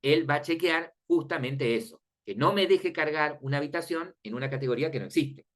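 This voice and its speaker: A man's voice: fairly high pitch, brisk, fairly bright tone. A man teaching a class, explaining step by step and often checking that the students follow, in an informal, friendly manner. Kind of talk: classroom lecture on databases.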